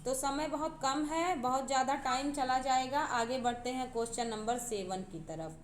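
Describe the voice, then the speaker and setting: A high-pitched woman lectures on poetry for exam preparation. She goes step by step, repeating each key term so students can note it down. The room is echoey, with a faint hiss of background noise. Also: normal speed. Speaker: teacher. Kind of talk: exam-prep literature lecture.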